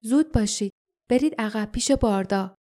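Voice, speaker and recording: A woman doing a cheerful hushed pedlar man. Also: lightly acted. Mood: friendly. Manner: friendly, low-voiced hurry.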